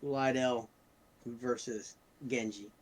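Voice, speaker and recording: A man playing in a tabletop game who talks haltingly with many pauses. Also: medium pitch, fairly even intonation. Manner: hesitant, halting. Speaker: player.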